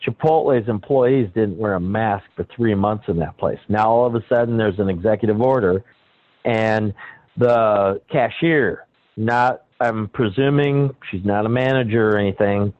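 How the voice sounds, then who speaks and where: Animated male caller on a tinny phone line. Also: lowish voice, moderate pace, no room sound. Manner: animated storyteller acting out quoted people. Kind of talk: telling a personal story.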